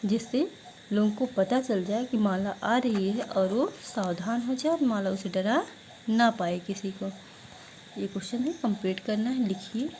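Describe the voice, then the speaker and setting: A woman teacher giving an online class lesson, who asks questions and answers them herself, drilling words slowly syllable by syllable. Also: mid-range voice, mellow, slight background noise, poor audio.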